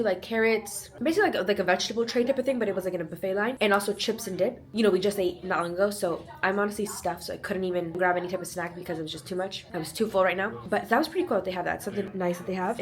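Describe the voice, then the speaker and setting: Fast-talking chatty woman vlogger. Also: medium pitch. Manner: chatty, upbeat, peppered with "like". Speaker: travel vlogger. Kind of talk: casual travel vlog narration.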